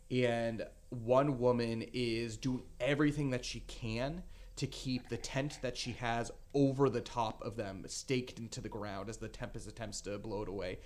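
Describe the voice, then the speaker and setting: A man narrating as game master of a tabletop game, halting with many fillers. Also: medium pitch.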